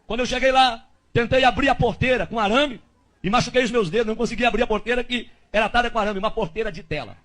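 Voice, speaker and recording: A male pastor preaching a testimony with a very high voice. He tells it fast and animated, acting out the people in the story as he goes. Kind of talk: sermon testimony.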